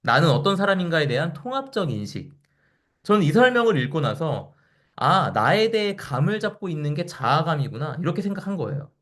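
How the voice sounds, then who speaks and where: A man in his forties lectures a live audience, his pitch swinging widely from phrase to phrase. His voice sits a little higher than most men's. He keeps checking in with questions and acts out the voices he quotes. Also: big pitch swings, fairly quick, fairly bright tone. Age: 40s.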